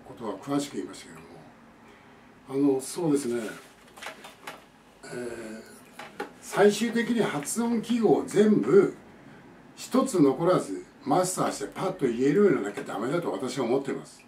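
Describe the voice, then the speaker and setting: A man giving a spoken pronunciation lesson, explaining patiently and repeating example words slowly. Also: medium pitch, dark tone. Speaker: English conversation teacher. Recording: echoey room, distant mic, faint noise.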